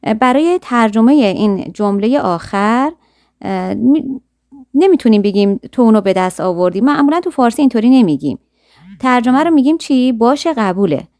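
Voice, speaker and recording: A woman teaching a short story, reading each sentence slowly and clearly and then explaining the words quickly and casually. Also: fairly high pitch, lively intonation, a little mellow, dry recording, studio quality. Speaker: English teacher.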